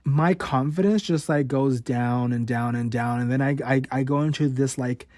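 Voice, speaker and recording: A stuttering podcaster in his late twenties delivers a candid monologue about his life, full of swearing, repeated words, and cut-off sounds. His voice is medium in pitch and dark in tone, moving at a normal speed. The studio-quality recording has no room sound.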